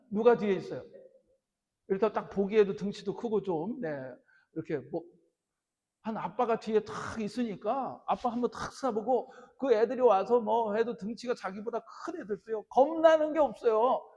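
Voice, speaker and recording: A man preaching a sermon as pastor, swinging from quiet storytelling to loud, emphatic declarations. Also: high voice, moderate pace, highs cut off. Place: church sanctuary. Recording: reverberant church sanctuary.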